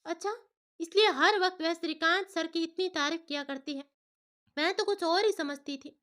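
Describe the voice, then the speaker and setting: A woman's voice: very high voice, normal speed, fairly bright tone. A woman voicing a proud widowed mother who answers with indignant, insistent protests.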